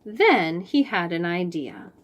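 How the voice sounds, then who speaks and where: A woman with a lowish voice reads to young children from a storybook. She is expressive and careful, stressing the phrases that matter.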